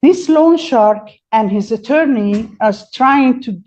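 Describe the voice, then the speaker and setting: A woman's voice: on the high side, animated, slow, a little mellow, highs cut off. A woman representing herself in court, pleading her case insistently and formally to the judge. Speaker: self-represented defendant. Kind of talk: courtroom argument.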